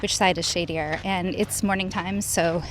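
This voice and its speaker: A woman's voice: lowish voice, steady tone, normal speed. A woman vlogger talking casually to camera as she narrates a recap of her run. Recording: noisy outdoors with traffic and ambience.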